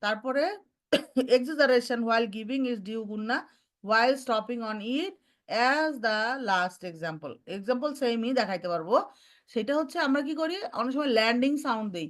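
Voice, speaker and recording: High-voiced woman teaching recitation. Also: animated. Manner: mixes English terms into her talk and demonstrates recitation slowly. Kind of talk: online recitation lesson.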